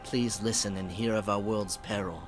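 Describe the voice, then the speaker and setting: Solemn male alien sentinel, read by a man: slow, formal, low-pitched, over game music. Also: steady tone, lightly acted. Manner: slow, measured, grave delivery.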